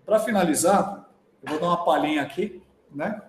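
A Brazilian-accented voice teacher and singer talks live in a chatty way, regularly tacking "né?" onto what he says. His slightly high voice moves at a normal speed, and the sound is reverberant with a bit of background noise.

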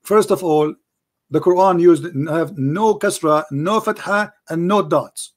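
A debate show host with a high-pitched voice speaks at a measured pace. His first language is Arabic, and he argues emphatically on a call-in debate, repeating himself and using non-native grammar.

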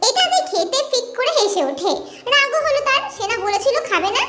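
A woman storyteller giving an expressive, dramatic scripted reading of a romantic story, with music under her voice. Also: very high voice, a little fast.

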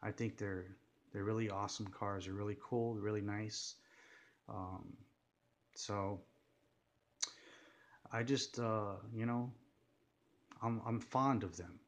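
Rambling gushing man, low voice. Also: steady tone, takes it slowly, pauses often. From United States. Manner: rambling, many fillers and restarts, gushing. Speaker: car vlogger. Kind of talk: casual unscripted monologue.

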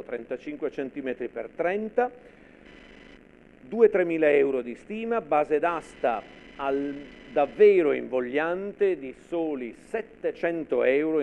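A middle-aged man calling a live televised auction as auctioneer, formally repeating and counting the bids. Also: a little high. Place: dark television studio at a desk. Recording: narrow phone-like sound with faint noise.

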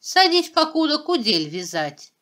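Female narrator as bossy old fairy-tale witch, forceful, slow, commanding. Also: high voice, very animated, full character voice. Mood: demanding.

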